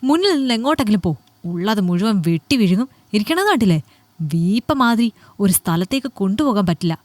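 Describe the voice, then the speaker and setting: A woman's voice: medium pitch, big pitch swings, brisk, a little mellow, dry recording, natural voice. A woman voicing a harsh, contemptuous middle-aged husband who snaps and belittles his wife in an audiobook story. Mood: scornful, angry. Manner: scornful, belittling, snapping.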